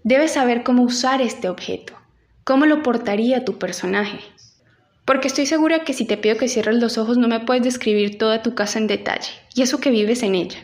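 Brisk and darkish in tone, her voice sits on the high side. She teaches acting in an instructional audio lesson, leading the listener through an exercise. Her delivery is aimed squarely at them, full of instructions and reflective questions.

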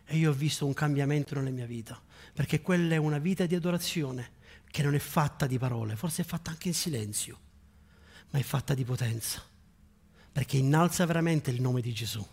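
A man preaching a sermon to a congregation, building to loud, fervent peaks and then dropping low and quiet. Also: fairly quick, breathy edge.

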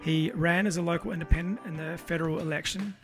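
Male podcast host, casual and keen, fairly high voice with plenty of creak. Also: fairly even intonation, quick pace, soft background music. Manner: informal, sweary, enthusiastic. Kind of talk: casual chat with spoken introduction.

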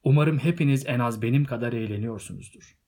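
A man's voice: mid-range voice, fast talker, darkish tone, lightly acted. A man voicing a jovial elderly male hobbit who gives a grand, declaiming speech at a party.

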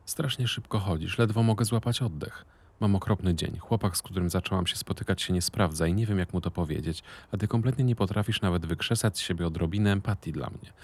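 A man voicing a bored, sulky young woman in a storybook reading. She complains quickly, through her teeth. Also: sits low, breathy edge. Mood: irritated.

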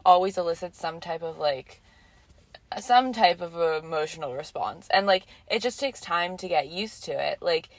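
A young woman co-hosting a casual podcast, talking in a relaxed, reflective way with plenty of "like". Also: on the low side, moderate pace, no echo. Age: young adult. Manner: relaxed, reflective, filler-heavy. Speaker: podcast co-host. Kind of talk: casual chat. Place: quiet street.

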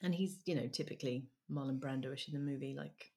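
A woman's voice: a bass voice, fast, dark tone. A woman hosting a casual music chat, giggly and rambling with lots of ums. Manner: chatty, giggly, trails off with ums. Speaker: podcast host.

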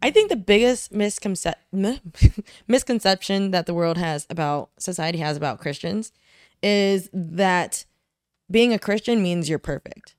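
A woman's voice: medium pitch, expressive, unhurried, a little mellow, dry recording, studio quality. A young woman co-hosting a podcast, talking frankly and reflectively in casual chat. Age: young adult. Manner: reflective, frank, laughs easily. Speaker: podcast co-host.

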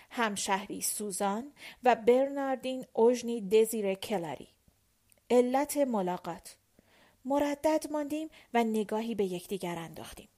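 Woman narrating an audiobook. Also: a little high. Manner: measured, even storytelling. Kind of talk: scripted narration.

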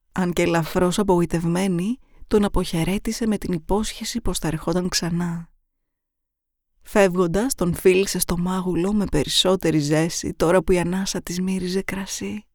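A woman narrator reading short horror stories in a measured, suspenseful style. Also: lowish voice, darkish tone, no room sound, studio quality.

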